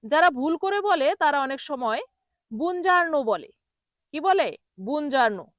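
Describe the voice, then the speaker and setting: A woman teaching pronunciation, repeating each word slowly and quizzing the listener. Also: high-pitched, expressive, no room sound, phone-quality sound. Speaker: language teacher. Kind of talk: pronunciation lesson.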